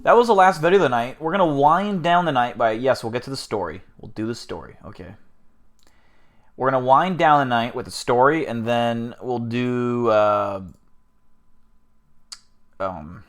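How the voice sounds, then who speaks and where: A man's voice: medium pitch, expressive, normal speed, pauses often. A man hosting a casual livestream, rambling, swearing and joking with his chat. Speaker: livestream host.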